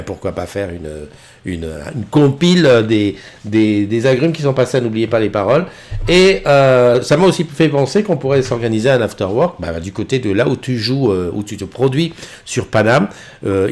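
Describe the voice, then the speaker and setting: A man's voice: medium pitch, a little mellow. A middle-aged man hosting a casual morning live stream, chatting easygoingly and greeting viewers by name. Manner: chatty and easygoing, greets viewers and reads their messages aloud. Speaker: livestream host.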